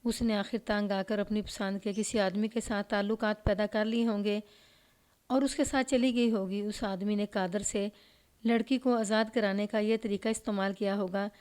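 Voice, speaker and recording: Steady woman storyteller reading a crime story aloud in a measured, even cadence. She keeps a mid-pitched voice and an unhurried pace throughout. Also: clear, resonant tone. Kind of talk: scripted story narration.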